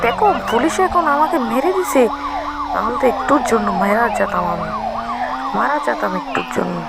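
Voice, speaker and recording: A fairly high, gravelly voice with a sing-song lilt and moderate pace narrates this gameplay video. The woman comments casually, labeling each action in short, repetitive phrases, while vehicles and sirens make the recording noisy.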